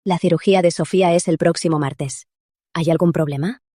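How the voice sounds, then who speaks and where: A woman's voice: lowish voice, fairly even intonation, fairly quick, dark tone, no room sound, studio quality, close to an everyday voice. A woman voicing a composed young female surgeon who explains steadily and firmly, in a Spanish drama dub.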